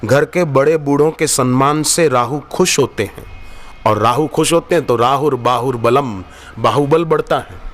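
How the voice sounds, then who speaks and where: Man giving a devotional sermon. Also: medium pitch. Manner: storytelling, quotes Sanskrit verses, acts out dialogue. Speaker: spiritual teacher. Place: ashram satsang gathering.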